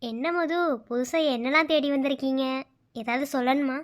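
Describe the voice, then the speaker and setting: A woman voicing a quietly suspicious young man. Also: high-pitched, fast, voice pushed down.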